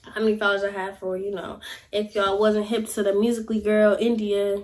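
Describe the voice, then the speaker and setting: Seated in a small indoor room, a young adult vlogger gives a chatty life update to camera, her hands moving animatedly as "y'all" and "like" pop up constantly. Her pitch is medium and her speech runs a little quick.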